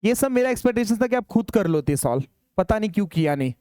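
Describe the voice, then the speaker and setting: A man teaching engineering in a classroom, dictating formulas slowly and urging students to hurry. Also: high-pitched, very animated, mellow, smooth, no room sound, clean studio sound. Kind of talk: classroom lecture solving problems.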